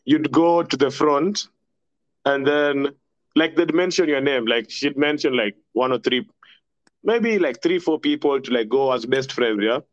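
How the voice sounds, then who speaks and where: In a muffled recording with no room sound, a medium-pitched, unhurried young man with a Kenyan accent chats on a podcast. He tells school stories in a loose, rambling way, laughs a lot, and slips into Swahili.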